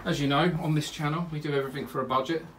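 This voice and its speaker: A man's voice: on the high side, fairly even intonation, rapid-fire, a bit bright, roomy sound. A man casually talking viewers through his DIY build in a cramped garage room, rambling and matter-of-fact with lots of fillers. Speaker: DIY pond vlogger. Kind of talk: casual DIY walkthrough chat. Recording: distant mic with background noise.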